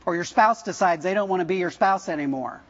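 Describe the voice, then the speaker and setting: Speaking quickly in a high voice, a pastor in his fifties preaches conversationally to his church, joking and questioning the congregation. The recording is muffled.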